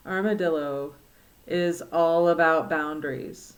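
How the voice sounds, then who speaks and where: Slow, musing Midwestern woman. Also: fairly low pitch. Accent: Midwestern American. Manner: slow, reflective, with frequent pauses and fillers. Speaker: tarot reader. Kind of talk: spoken divination reading.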